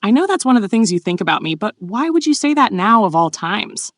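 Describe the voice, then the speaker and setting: A woman's voice: mid-range voice, sing-song, a little fast, dry recording, voice pushed up. A woman reading the part of a blunt, earnest young male duke in a plain, raised voice.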